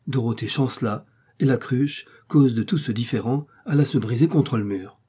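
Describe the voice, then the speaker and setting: A man reading an old moral tale aloud as a measured, literary narrator. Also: mid-range voice, dark tone, breathy edge. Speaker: audiobook narrator. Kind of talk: scripted narration.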